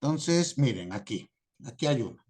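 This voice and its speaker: A man's voice: mid-range voice, big pitch swings, moderate pace, a little mellow. A man teaching a class on citation format, patient, often checking that students understand. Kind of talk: recorded lecture on citation format.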